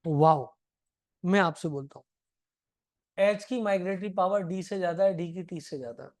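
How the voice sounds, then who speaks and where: High-voiced, teasing male chemistry teacher. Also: fairly quick. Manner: teasing, chatty, scolds students playfully; calls students "beta". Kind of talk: live classroom lesson.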